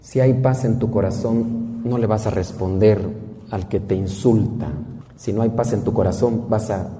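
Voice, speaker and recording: Mexican priest giving a homily, mellow easygoing voice, folksy, big reverb. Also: male voice, fairly low pitch, steady tone, moderate pace, a little hiss or hum. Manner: folksy preaching with jokes and rhetorical questions. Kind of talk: sermon.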